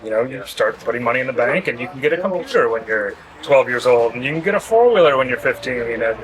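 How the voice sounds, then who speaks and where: A man who grew up with pottery, explaining in a relaxed, easygoing way and laughing easily. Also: mid-range voice, quick pace, low-quality recording. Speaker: potter and kiln site host. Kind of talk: casual interview. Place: outdoors at a kiln festival. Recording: outdoor festival with crowd behind.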